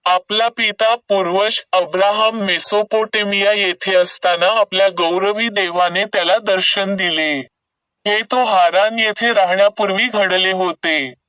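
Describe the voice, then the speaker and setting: Bold male preacher, read by a man: slow, earnest, clear high voice, distant dull recording. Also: sharp tone, no room sound. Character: bold adult male preacher facing accusers.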